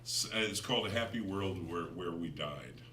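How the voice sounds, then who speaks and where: An American poet reads his own work live before an audience in a room, adding spoken introductions between pieces. His low, forceful voice is deliberate and expressive. The distant mic gives a roomy sound with faint noise.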